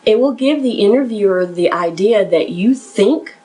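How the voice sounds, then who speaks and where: With a warm, mid-range voice and lively intonation, a woman speaks at a moderate pace to her podcast audience. She is a professional resume writer and interview coach whose conversational, direct advice comes across as encouraging and somewhat nervous.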